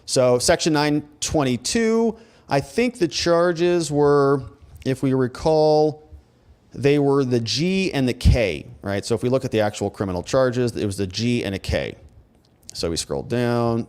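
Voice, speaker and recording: A smooth, medium-pitched voice with a darkish tone belongs to an American man hosting a casual live commentary stream. A legal commentator, he reads and answers viewer messages in an informal, conversational manner, posing rhetorical questions.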